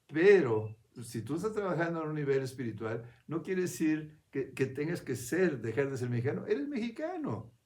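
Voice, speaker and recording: A man giving a reflective spiritual talk in a conversational, unhurried way. He keeps checking in with his listener and restarts his phrases as he thinks aloud. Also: on the high side, sing-song, a little mellow. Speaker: spiritual speaker.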